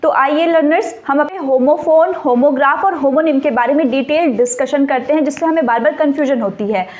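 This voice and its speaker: A woman teaching an exam-prep grammar lesson, mixing English terms into her explanations and turning key points into quick questions for the viewer. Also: sits high, darkish tone, lo-fi sound.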